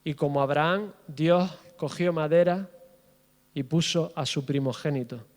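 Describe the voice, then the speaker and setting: A man's voice: fairly high pitch, measured pace, darkish tone. A middle-aged man preaching a sermon as pastor, passionate and building with repetition. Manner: impassioned, rising in fervor with repetition. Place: church hall. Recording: reverberant church hall.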